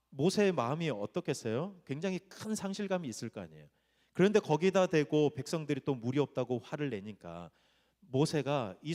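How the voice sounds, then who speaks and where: A man's voice: fairly high pitch, darkish tone. A male pastor giving a conversational sermon and asking the congregation rhetorical questions. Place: church sanctuary. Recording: reverberant church hall.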